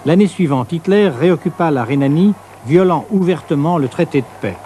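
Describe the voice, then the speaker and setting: A man reading scripted historical documentary narration in a sober, measured way. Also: a little high, noisy background.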